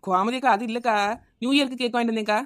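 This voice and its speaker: Chinnaponnu, a chattering high-voiced housewife, as a woman voices her. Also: fairly even intonation, very fast, close to an everyday voice. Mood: wheedling. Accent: Kanyakumari Tamil. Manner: chattering, wheedling, repeats the neighbour's name. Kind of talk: cartoon comedy dialogue.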